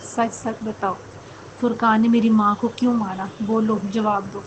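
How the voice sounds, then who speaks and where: A woman's voice: a little high, flat delivery, noisy background, lightly acted. A woman reading as an angry grieving husband. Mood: threatening.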